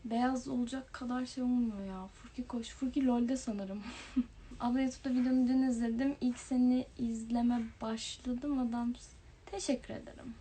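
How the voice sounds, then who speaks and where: A woman's voice: fairly high pitch, fairly even intonation, normal speed, warm tone, breathy edge. Young woman chatting on a livestream. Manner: chatty, reads comments aloud then answers them. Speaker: livestream host. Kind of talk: casual live-stream chat reading viewer comments. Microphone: phone or webcam livestream.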